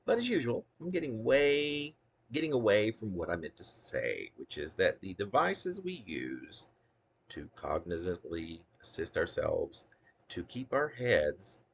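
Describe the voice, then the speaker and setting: A poet reads his own work as an essay-like monologue, ruminative, wordy and emphatic, with the odd unscripted aside. His voice is fairly low with a fairly bright tone, and there's slight background noise.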